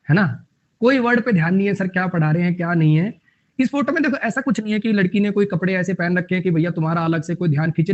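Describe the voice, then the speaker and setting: Man teaching vocabulary, lo-fi audio. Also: sits high. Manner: explains words with jokey memory tricks, repeating phrases. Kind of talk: vocabulary lesson. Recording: dull lo-fi audio.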